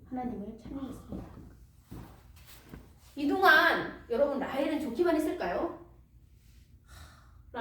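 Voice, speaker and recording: Woman church storyteller, animated, recorded from a distance with a faint hiss. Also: high-pitched. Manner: lively, asks the listeners questions. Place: church hall. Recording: echoey hall, distant mic, faint noise.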